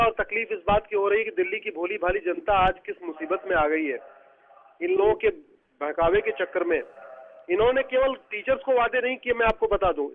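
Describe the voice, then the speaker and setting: Combative man on a tinny phone line. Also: high voice. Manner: combative, mocking, rapid-fire accusations. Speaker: party spokesman phoning in. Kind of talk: heated live phone interview. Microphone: telephone.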